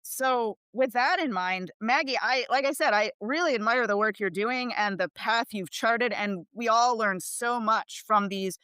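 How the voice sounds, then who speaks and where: A woman on a discussion panel, thinking out loud in a loose, chatty way full of fillers. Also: a little high, measured pace, hardly any pauses, clear, resonant tone, no echo. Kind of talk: casual discussion.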